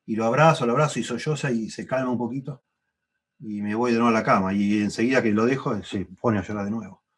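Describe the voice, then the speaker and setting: A middle-aged man with a Rioplatense Spanish accent teaching a Bible class at church, thoughtful and repeating phrases for emphasis. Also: fast. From Argentina. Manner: thoughtful, repeats phrases for emphasis, rises in pitch when stressing points.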